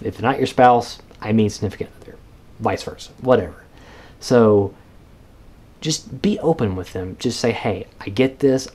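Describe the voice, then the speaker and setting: Male podcast host, young adult, dark warm voice, earnest and animated advice talk. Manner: animated, earnest, pitch jumps up when excited. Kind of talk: casual advice monologue.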